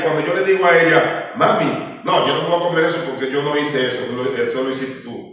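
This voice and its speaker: A man's voice: fairly high pitch, fairly bright tone. A man preaching an informal sermon, rambling through personal stories with restarts and acted-out dialogue. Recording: echoey hall, far from the mic.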